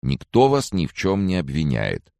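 A man's voice: low voice, huge pitch swings, normal speed, creaky, dark tone, no room sound, voice pushed up, full character voice. A man voicing a tired male doctor who speaks in a dry, matter-of-fact, slightly mocking way, as an audiobook character voice.

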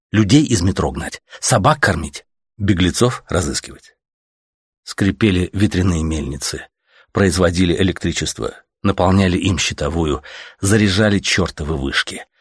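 A man's voice: low-pitched, slightly rough, no echo, studio quality. A man narrating an audiobook in terse, clipped sentences.

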